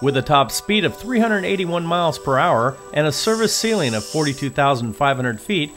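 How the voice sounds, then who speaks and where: A man giving scripted documentary narration in a steady, informative way. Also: a little high, normal speed. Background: music.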